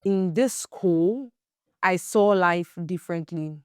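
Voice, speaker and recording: A young adult woman hosting a faith-based podcast, telling stories in a casual, animated way and acting out the quotes. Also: lowish voice, slow pace, smooth, no room sound, clean studio sound. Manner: animated storyteller, acts out quotes, emphatic repeats. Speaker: podcast host.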